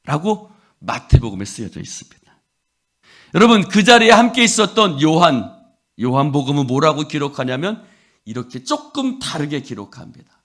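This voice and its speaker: A man's voice: fairly high pitch, big pitch swings, normal speed, fairly bright tone. A male pastor preaching a dawn prayer sermon. He acts out the disciples' words and leads the congregation in repeating lines. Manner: acts out quoted disciples with rising intensity.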